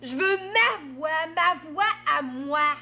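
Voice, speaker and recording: Brief: headstrong kids' TV character, bright tone, Québécois accent. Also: female voice, high voice, lively intonation, slow pace, exaggerated voice. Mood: insistent. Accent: Québécois French. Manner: emphatic, insistent. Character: playful young woman, a bit stubborn. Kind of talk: children's TV acting.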